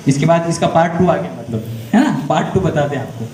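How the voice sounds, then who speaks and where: In an echoey room with faint background noise, a man with a slightly high, a little mellow voice speaks fast and expressively. He's giving a motivational career guidance talk to schoolchildren, often quizzing the class directly. He tells stories and walks through ideas step by step.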